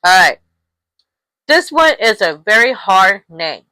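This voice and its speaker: Slow, patient woman teaching letter sounds. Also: mid-range voice, big pitch swings, bright, forceful tone, no echo, poor audio. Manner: patient, repeats each sound slowly with many "okay?" checks. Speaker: English teacher.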